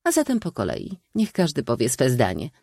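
Brief: man voicing a sharp-tongued spinster aunt, shrill and declamatory, lively swoops, dry close sound. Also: normal speed, creaky, no room sound, full character voice. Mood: teasing. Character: theatrical, sharp-tongued old maid aunt. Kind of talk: audiobook reading.

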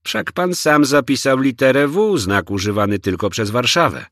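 A man voicing a sharp, commanding police commissioner in an audiobook, speaking in clipped, urgent commands. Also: mid-range voice, moderate pace, no echo, clean studio sound, voice pushed up, close to an everyday voice. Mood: explaining.

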